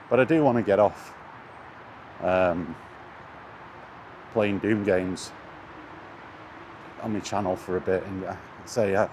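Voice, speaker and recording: A deep-voiced gaming YouTuber rambles casually in a hesitant, laid-back vlog, filmed on a handheld camera while walking outdoors near traffic. Urban and vehicle noise makes for a noisy outdoor recording.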